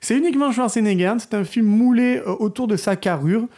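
A man co-hosting a casual film review, talking with many hesitant filler pauses. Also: high voice, mellow.

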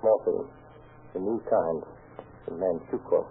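An actor playing a sly, precise smuggler with a very husky voice and clipped, formal English in an old crime film. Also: male voice, low-pitched, measured pace, full character voice. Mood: matter-of-fact. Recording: tinny, phone-like old film soundtrack.

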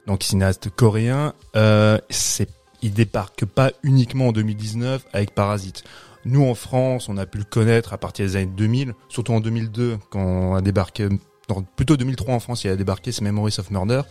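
A man's voice: on the low side, fairly quick, a little mellow, soft background music. A man co-hosting a film podcast, talking enthusiastically about a director and correcting himself as he goes. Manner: enthusiastic, talkative, self-correcting. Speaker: podcast co-host. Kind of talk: casual film discussion.

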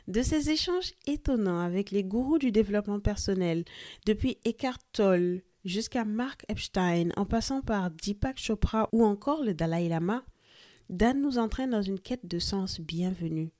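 A woman hosting a podcast, reviewing a book in a lively, friendly scripted delivery and speaking directly to her listeners. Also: mid-range voice, no echo, studio quality. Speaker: podcast host.

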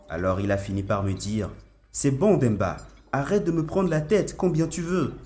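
A man's voice: lowish voice, darkish tone, pitched above the performer's own voice, lightly acted. A man voicing a young African migrant man who tells his tale in street slang.

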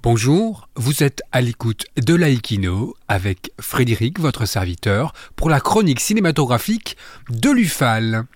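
A man's voice: mid-range voice, sing-song, measured pace, faint music behind. A man hosting a radio film segment, introducing his columnist and prompting him with questions. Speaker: radio host.

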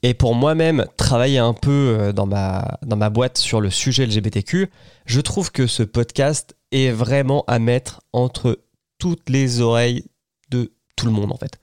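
A man's voice: mid-range voice, unhurried, darkish tone, dry recording. Chatty man recommending a podcast. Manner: chatty, enthusiastic, with many fillers and restarts. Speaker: podcast host.

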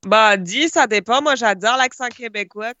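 Relaxed woman on a dull lo-fi recording. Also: on the high side, normal speed, a little hiss or hum. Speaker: podcast guest. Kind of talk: casual chat.

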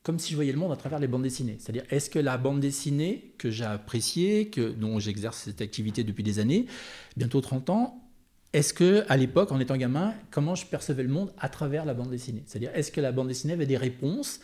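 Un homme d'âge mûr, auteur de bande dessinée, parle en entretien de façon animée, avec des hésitations et des reprises. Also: male voice, mid-range voice, a little fast. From Chablais, French Alps. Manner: animated, hesitant, many restarts. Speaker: comic book artist. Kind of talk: casual interview conversation.

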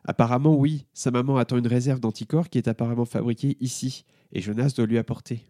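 A man's voice: mid-range voice, steady tone, quick pace, mellow, no echo, clean studio sound, lightly acted. A man voicing a confused young schoolboy who hesitates and stammers in a children's story. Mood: puzzled. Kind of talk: storybook character voice.

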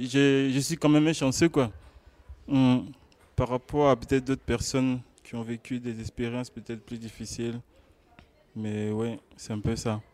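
A man sharing his experience in a live discussion, with relaxed, filler-heavy speech. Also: mid-range voice, smooth. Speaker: panel participant. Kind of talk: casual spoken testimony.

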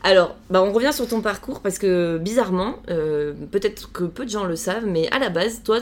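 Animatrice de podcast, bavarde et expansive. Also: female voice, medium pitch, normal speed. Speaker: podcast host. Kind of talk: casual conversational interview.

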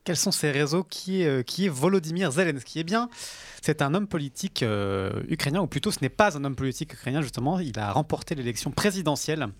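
A man's voice: a little high, expressive, quick pace, dry recording. A man co-hosting a news podcast, explaining a story at length with many hesitations and fillers. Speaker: podcast co-host. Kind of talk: casual news podcast chat.

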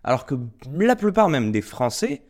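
A man's voice: a little high, big pitch swings, moderate pace, darkish tone. A young man hosting an interview podcast, asking chatty, probing questions. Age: young adult. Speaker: podcast host.

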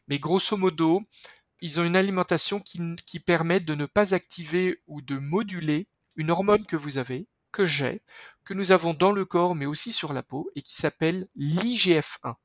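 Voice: mid-range voice, moderate pace, no echo, studio quality. A podcast guest explaining skincare research in an enthusiastic, chatty way, full of fillers and restarts.

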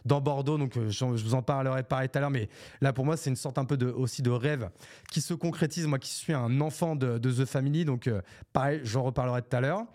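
A man's voice: mid-range voice, fairly quick, a little mellow. Male podcast host, 30s, talking alone into a podcast mic, loose and rambling, peppered with English buzzwords. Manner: rambling, many fillers and restarts; casual, mixes English business slang. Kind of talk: solo unscripted podcast talk. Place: Bordeaux, France. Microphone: podcast microphone.

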